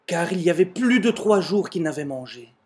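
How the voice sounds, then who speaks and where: Filmed by webcam in front of a door at home, a man with a fairly high, lively voice that's a little mellow tells a comic take on a fairy tale at normal speed. He's an amateur video maker, and he adds mock-exasperated asides.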